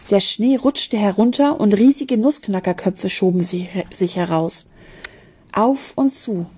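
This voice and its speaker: A woman reads a children's story aloud, shaping the scenes with expressive delivery and the odd slip. Her voice is mellow and dark in tone, with a husky, breathy edge. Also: mid-range voice. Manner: expressive, with small slips and restarts. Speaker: narrator.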